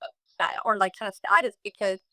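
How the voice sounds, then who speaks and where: A middle-aged woman telling a personal story in a podcast conversation, emotional and halting, quoting others as she goes. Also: medium pitch, steady tone, bright, forceful tone, dry recording. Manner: emotional, halting, with many restarts and quoted speech. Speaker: guest sharing her story.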